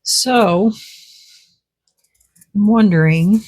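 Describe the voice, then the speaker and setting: A woman's voice: medium pitch, extremely slow, darkish tone, no room sound. A woman vlogger narrating casually as she works on a resin craft project, chatty and repeating words for emphasis.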